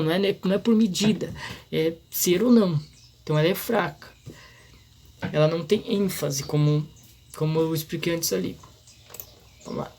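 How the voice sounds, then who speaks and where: A man explaining a grammar lesson in an informal, halting way, full of restarts and fillers. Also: high-pitched, slight background noise. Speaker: teacher.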